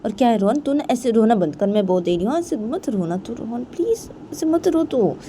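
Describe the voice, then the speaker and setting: A woman voicing an insistent young woman friend who speaks high and emphatic, over vehicle noise. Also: animated, fast talker, mellow, lightly acted. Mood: indignant.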